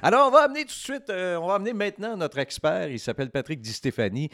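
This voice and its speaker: A man hosting a casual radio interview, upbeat and animated as he asks questions. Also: high-pitched, fast. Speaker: radio host.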